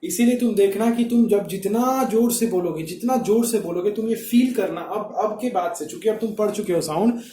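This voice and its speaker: High, mellow-voiced male teacher in an echoey room. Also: normal speed, few pauses. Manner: repetitive, checks understanding with rhetorical questions. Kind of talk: classroom lecture.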